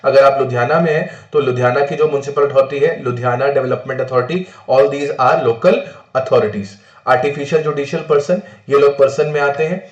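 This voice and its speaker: A man from northern India teaching a fast-paced tax lecture, mixing English terms into his Hindi and answering his own rhetorical questions. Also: medium pitch, fairly even intonation, lo-fi sound. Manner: asks rhetorical questions and answers them himself. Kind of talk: exam-prep classroom lecture. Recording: roomy echo.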